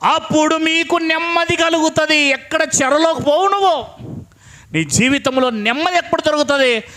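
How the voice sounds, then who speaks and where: A man's voice: very high voice, normal speed, pushed and bright. A man preaching a sermon as a pastor, scolding his listeners and pressing them with repeated rhetorical questions. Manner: scolding, addresses listeners directly.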